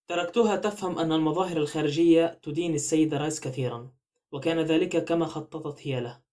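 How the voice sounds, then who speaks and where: A man reading a novel aloud as an audiobook narrator, in a steady, even way. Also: on the high side. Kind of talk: scripted narration.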